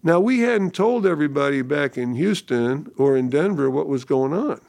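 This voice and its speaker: An older man recounting a personal story as an interviewee, lively and acting out the dialogue as he goes. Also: fairly high pitch, normal speed, gravelly, dry recording.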